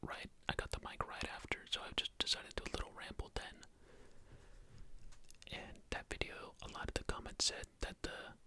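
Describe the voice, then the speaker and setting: ASMR whisper, young adult, breathy and unvoiced, casual rambling chat, close mic. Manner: soft, unscripted, rambling. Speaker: ASMR video creator. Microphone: close Blue Yeti USB microphone.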